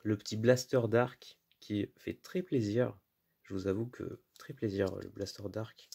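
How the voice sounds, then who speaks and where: A man talks through his card collection in a relaxed, chatty way, often laughing at himself and filling pauses with "euh". His voice sits fairly low and sounds warm and mellow. He is picked up by a camera mic while he moves around. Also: gravelly, husky. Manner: chatty, self-deprecating, laughs often, many fillers. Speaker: card game vlogger. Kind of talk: casual card unboxing commentary. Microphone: camera mic, moving around.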